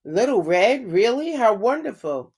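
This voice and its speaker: A kindly old grandmother from a fairy tale, pitched high and quavering, as a woman reads her aloud. She sounds warm at first, then startled and fluttery. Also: very animated, unhurried, breathy edge, exaggerated voice. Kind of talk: children's storybook read-aloud.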